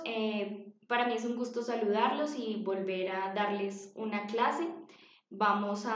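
A woman teaching an English lesson to young children, patient, repeating words for them to copy. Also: medium pitch. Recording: dull, echoey home recording.

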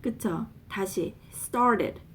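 A woman casually coaching pronunciation, drilling words slowly and spelling them out letter by letter. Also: mid-range voice, slight background noise. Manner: animated, laughs often. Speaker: English pronunciation teacher, nurse.

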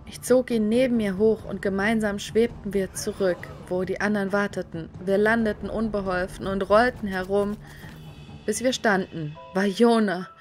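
A young adult woman telling a dramatic first-person story as narrator of an animated storytime. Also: medium pitch, moderate pace, faint music behind.

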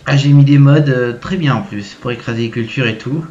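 A man's voice: mid-range voice, fairly quick, a little mellow. A man from France hosting a gaming channel, chatting casually over his gameplay and thinking aloud with fillers. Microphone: desk gaming mic. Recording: slightly dull lo-fi mic with faint background hum.

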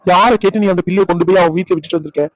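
A man's voice: high-pitched, fairly even intonation, very fast, no room sound, close to an everyday voice, poor audio. A man voicing a stern scolding old father. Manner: shouting, scolding. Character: stern angry old father, head of the house. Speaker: voice actor. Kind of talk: cartoon dub acting.

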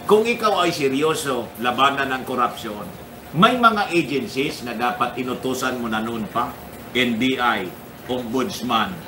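A man's voice: mid-range voice, animated, a little slow, distant mic, background noise. A man hosting a casual political commentary livestream, chuckling often and greeting his viewers by name. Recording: echoey room.

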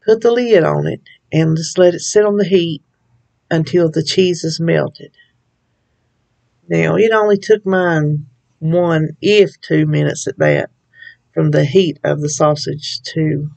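A woman's voice: low-pitched, creaky, a little mellow. A woman hosting a home cooking video, talking through a recipe in a chatty, folksy way with frequent laughs. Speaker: cooking channel host. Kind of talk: casual recipe walkthrough.

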